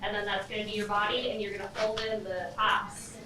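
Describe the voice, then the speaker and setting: A woman's voice: mid-range voice, flat delivery, brisk, background noise. Woman far off in an echoey room. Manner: chatty, loose, many "like"s. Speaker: craft activity leader. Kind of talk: casual instructions to a group. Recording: echoey room, far from mic, crowd chatter.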